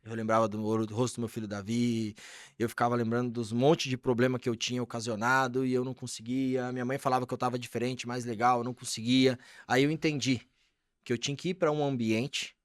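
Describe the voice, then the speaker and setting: A man's voice: mid-range voice, flat delivery, a little fast, dry recording, clean studio sound. A man, a podcast guest, telling an emotional personal testimony and acting out the voices in his dialogue.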